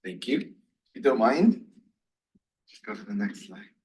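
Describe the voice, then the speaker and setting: A man giving a classroom lecture, talking in halting bursts with many fillers and restarts. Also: lowish voice, sing-song, darkish tone, poor audio. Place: lecture room.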